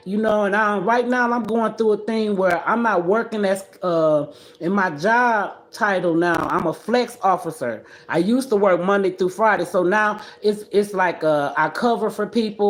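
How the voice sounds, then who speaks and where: A woman in her sixties hosting a casual livestream, talking bluntly and scolding with animated trash talk. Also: on the low side. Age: 60s. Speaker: livestream host.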